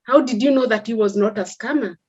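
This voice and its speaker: High-voiced host in an echoey room. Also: female voice, fairly quick, muffled recording, a crowd in the background. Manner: upbeat, addresses viewers directly. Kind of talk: hosting an interview.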